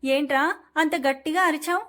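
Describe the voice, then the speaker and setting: A woman voicing a stern gruff father. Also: high voice, moderate pace, a bit bright. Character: stern middle-aged father, dry teasing humor.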